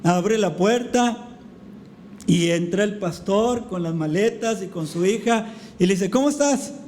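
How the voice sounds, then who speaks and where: High-voiced conversational male preacher. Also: unhurried, darkish tone, a little hiss or hum. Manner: conversational, keeps addressing the congregation as brothers. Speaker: pastor. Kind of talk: sermon with storytelling. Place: church service. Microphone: recorded preaching mic.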